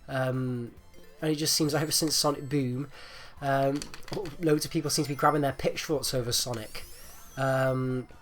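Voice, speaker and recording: Soft background music accompanies a mid-range, fairly even voice at normal speed with few pauses. The gaming video host, phlegmy and getting over flu with a rattly, congested chest, rambles casually through gameplay, hesitating and repeating himself.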